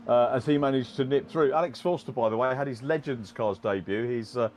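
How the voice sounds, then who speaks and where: A man's voice: mid-range voice, fairly quick, darkish tone, slight background noise. A man giving conversational motorsport commentary and analysis in a rambling, hesitant, self-correcting way.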